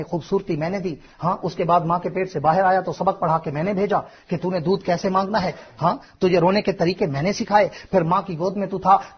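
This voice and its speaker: A man's voice: sits high, husky. A man preaching a fiery sermon, speaking emphatically and rhetorically and addressing the listener directly. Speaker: Islamic preacher. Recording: muffled, lo-fi sermon recording.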